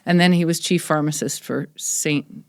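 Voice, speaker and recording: A middle-aged woman from Texas speaks as a podcast guest. Her voice is lower than usual, and her talk is articulate and outspoken. The sound is dry and close. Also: fairly even intonation, normal speed, clean tone, no room sound. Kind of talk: conversational interview.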